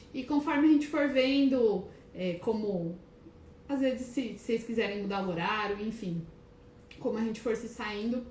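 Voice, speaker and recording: A woman's voice: mid-range voice, darkish tone. A woman hosting a casual live stream from her clinic, chatty and a little nervous, greeting viewers by name with many hesitant restarts. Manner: calls herself shy and nervous. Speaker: wellness live-stream host. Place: clinic office, indoors. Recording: echoey room, faint background noise.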